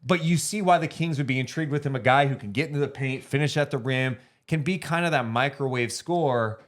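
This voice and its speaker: Joking man co-hosting a sports podcast. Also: mid-range voice. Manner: joking, then briskly running through facts. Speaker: podcast co-host. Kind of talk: casual sports chat.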